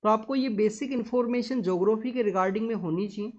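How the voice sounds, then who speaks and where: An exam-prep teacher, a woman with a slightly high, somewhat mellow voice, talks fast through a newspaper analysis lesson. She lectures step by step, mixing in English terms and often addressing her students directly. The recording is slightly dull and muffled.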